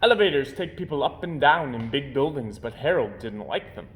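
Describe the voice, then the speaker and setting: This is a man reading a picture book for children in a medium-pitched voice, at a brisk clip. He tells the story expressively, with theatrical stress on key words.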